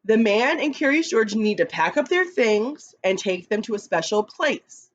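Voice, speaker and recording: A woman who teaches kindergarten, reading picture books aloud slowly and expressively, with chatty asides to the children. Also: highs cut off. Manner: slow, expressive read-aloud with lively pitch, chatty asides.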